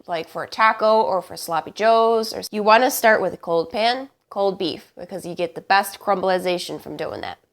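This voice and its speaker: Congested, honking woman hosting a cooking show. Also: medium pitch. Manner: chatty, emphatic, informal. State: congested, honking voice from getting over bronchitis. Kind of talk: casual recipe demonstration to camera.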